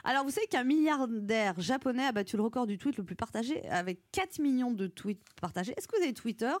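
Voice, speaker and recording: A woman's voice: a little high, animated, dry recording. A woman hosting a live radio talk show, upbeat and teasing as she introduces her guests and panel. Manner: upbeat, teasing, quick to laugh. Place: radio studio. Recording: studio with loud audience and music.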